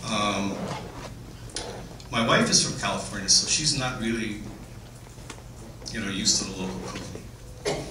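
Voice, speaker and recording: A middle-aged man giving an informal, tender family eulogy in a halting, faltering way, telling simple anecdotes. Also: lowish voice. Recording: echoey room, distant mic, clear background noise.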